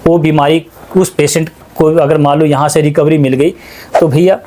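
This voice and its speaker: A man's voice: on the high side, fairly even intonation, normal speed, mellow. A man working as an ayurvedic practitioner, speaking with emphatic, repetitive insistence in a small clinic. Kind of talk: earnest testimonial talk.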